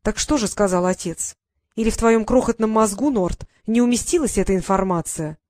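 A woman's voice: mid-range voice, normal speed, dry recording, studio quality, natural voice. Defiant teenage girl, read by a woman. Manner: sharp, defiant, raised voice. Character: stubborn sharp-tongued teenage girl.

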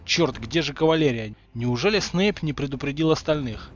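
A man's voice: on the high side, expressive, moderate pace, muffled recording, faint music behind. Harry Potter, a man playing him as a sarcastic teen wizard. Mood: cocky, mocking. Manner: sarcastic, flippant. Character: cheeky mocking teenage boy wizard.

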